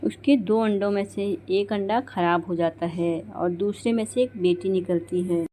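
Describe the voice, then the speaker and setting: Woman telling a kids cartoon story, dark mellow voice, plain delivery. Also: on the low side, fairly even intonation, normal speed, slight background noise. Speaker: narrator. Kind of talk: scripted storytelling narration.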